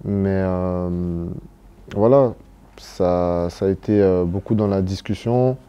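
Speaking slowly in a deep, mellow, smooth voice, this young adult footballer, Cameroonian-born and Belgian-raised, stumbles through an interview. He fills his answers with hesitations and frequently starts over.

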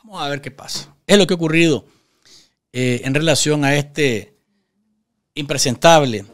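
A man in his thirties with a Nicaraguan accent, a journalist giving emphatic, opinionated news commentary from a small studio set, gesturing as he talks. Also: a little high. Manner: emphatic, gestures with his hands, many filler pauses. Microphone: studio microphone on a desk stand.

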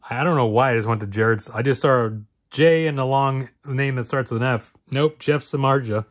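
A man's voice: medium pitch, measured pace. Rambling man opening trading cards. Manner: rambling, self-correcting, talks to himself while listing names. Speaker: card-opening channel host. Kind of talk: casual card-opening commentary.

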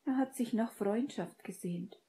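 A woman reading an audiobook and voicing a distraught, guilt-ridden young witch in a breathy, pleading whisper. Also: a little high, a little slow, warm tone, pitched above the performer's own voice, lightly acted. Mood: upset.

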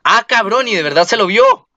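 A young man commenting on a wrestling video game, excitable and profane, yelling at the action. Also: extremely high pitch, no echo. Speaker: gameplay commentator. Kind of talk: casual gameplay commentary. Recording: lo-fi muffled recording.

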